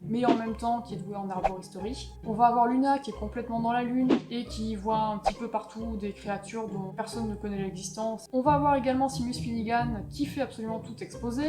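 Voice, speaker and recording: A woman with an English accent and a fairly high voice talks through storytelling as a guest writing coach. She explains step by step with plain enthusiasm. Her voice rings in a roomy echo. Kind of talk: explanatory talk on a video.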